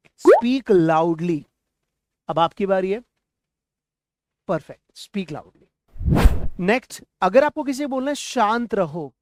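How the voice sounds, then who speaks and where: Male English tutor, high voice, dry close sound, coaxing drill style. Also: clear, resonant tone, no echo. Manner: coaxing, slows down sharply for English phrases. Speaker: spoken English teacher. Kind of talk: energetic classroom-style lesson, drilling phrases for repetition.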